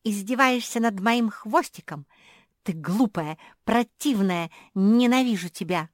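A woman's voice: lowish voice, normal speed, no room sound, clean studio sound, close to an everyday voice. A woman voicing a touchy, whiny young pug girl in a children's story. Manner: whiny, petulant.

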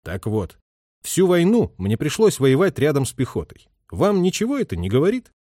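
A man voicing a tired male army captain who speaks calmly, dryly and with authority. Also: fairly high pitch, moderate pace, no echo, pitched above the performer's own voice. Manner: calm, dry, authoritative.

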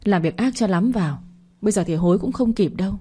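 A woman voicing a desperate young mother who pleads and accuses in a quick, raised voice in a story reading. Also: expressive, warm tone, breathy edge. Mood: accusing. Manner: pleading, shrill and fast. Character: frantic young mother of a kidnapped boy.

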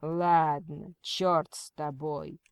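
A woman voicing a cold male kidnapper who threatens slowly and quotes scripture. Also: sits low, fairly even intonation, smooth, dry recording, exaggerated voice. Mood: menacing. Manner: slow, menacing, preachy.

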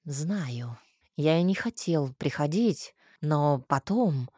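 Woman putting on a low, muffled incubus man. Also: animated, takes it slowly, darkish tone, breathy edge, no room sound, clean studio sound, heavily acted.

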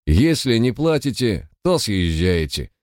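A man's voice: fairly low pitch, sing-song, a little slow, a little mellow, no room sound, clean studio sound, voice pushed up. A man voicing a burly, callous male landlord's enforcer in an audiobook, blunt and threatening. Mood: scornful.

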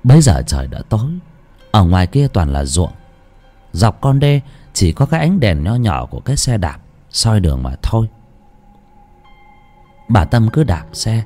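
A man narrating a ghost story with dramatic, lively storytelling. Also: on the low side. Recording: music under the voice.

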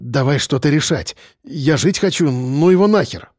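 A man's voice: fairly high pitch, lively intonation, normal speed, a little mellow, dry recording, studio quality. A male narrator voicing a coarse, blunt warrant officer who swears freely. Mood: uneasy.

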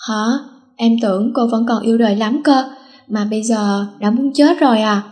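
A cheeky teenage schoolgirl, as a woman reader puts her on, flippant and teasing toward everyone. Her voice sits fairly high. She belongs to a storybook read aloud. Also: moderate pace, darkish tone, lightly acted.

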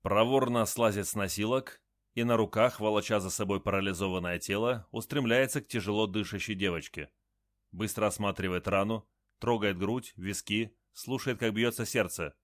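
A man narrates a first-person adventure story in short, matter-of-fact sentences. His voice sits low and the recording is dry and close, with no room sound. The delivery is terse and steady. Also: moderate pace, dry recording.

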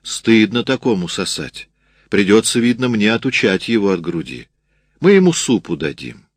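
A man putting on a brash, teasing camp sutler woman with a soft heart under the rough talk. The voice is lifted higher than his own and sounds dry and close. It is a storybook reading. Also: big pitch swings, moderate pace, no room sound. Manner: teasing, chatty.

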